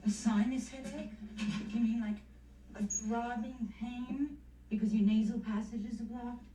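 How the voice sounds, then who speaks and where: An actress playing an anxious, naive housewife in a television soap parody, talking earnestly like a 1950s housewife in a commercial. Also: female voice, a little high, fairly even intonation, measured pace, dark tone, lightly acted. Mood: solicitous, earnest. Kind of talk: deadpan television soap opera parody acting. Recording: roomy, distant, hissy 1970s TV soundtrack.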